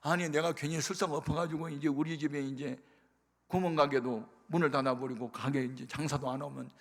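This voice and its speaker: A Korean pastor telling a story in a sermon, acting out voices and dialogue with dramatic shifts. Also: male voice, fairly high pitch, fairly even intonation, brisk. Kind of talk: sermon testimony. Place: church sanctuary. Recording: hall reverb.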